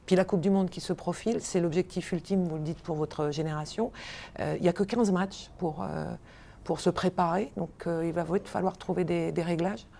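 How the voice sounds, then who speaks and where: A woman hosting a radio interview, asking long questions with many pauses and restarts. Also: fairly low pitch, fairly even intonation, creaky, dark tone. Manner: halting, many fillers and restarts. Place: radio studio.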